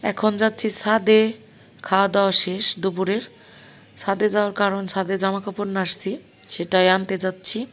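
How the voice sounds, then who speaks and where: A hoarse young woman with a cold, chatting casually as a mother vlogging her housework and cooking at home. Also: medium pitch, fairly bright tone. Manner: chatty, talks while doing housework and cooking. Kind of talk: casual vlog narration. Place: home kitchen.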